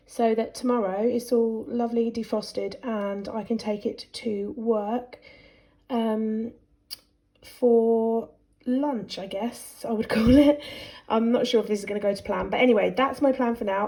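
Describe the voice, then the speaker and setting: A woman's voice: a little high, dark tone. A woman chatting upbeat to the camera in a casual vlog, talking from her home kitchen. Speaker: vlogger.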